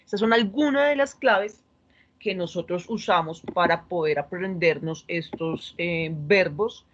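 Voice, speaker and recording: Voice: mid-range voice, unhurried, fairly bright tone, muffled recording. A teacher casually summing up a video lesson for students, with "eh" fillers. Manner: casual, uses fillers like "eh" and "listo". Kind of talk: lesson wrap-up talk.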